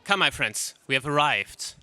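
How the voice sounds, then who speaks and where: A man's voice: on the high side, lively intonation, moderate pace, bright, forceful tone, dry recording. A man playing a proud, earnest rebel prince with formal, declamatory delivery in a space serial radio drama. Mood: commanding.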